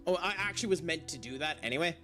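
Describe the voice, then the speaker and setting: A man's voice: fairly high pitch, expressive, racing, music in the background. A man giving live commentary as a gaming streamer, swearing casually and often.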